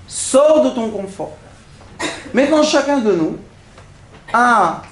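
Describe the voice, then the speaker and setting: A man teaching a religious lesson to an audience, acting out little everyday scenes with animated, laughing delivery. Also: sits high, roomy sound. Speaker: rabbi teaching a class. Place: classroom.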